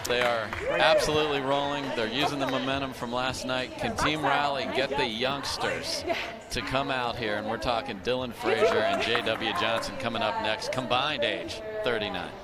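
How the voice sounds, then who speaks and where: A man's voice: mid-range voice, lively intonation, moderate pace. A man doing enthusiastic play-by-play commentary at a live match. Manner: upbeat, enthusiastic play-calling. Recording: broadcast mic with loud crowd and outdoor noise.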